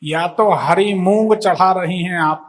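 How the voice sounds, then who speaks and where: High-voiced male astrologer, assertive. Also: takes it slowly. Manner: assertive, leading questions, talks over the caller. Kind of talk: live call-in astrology consultation.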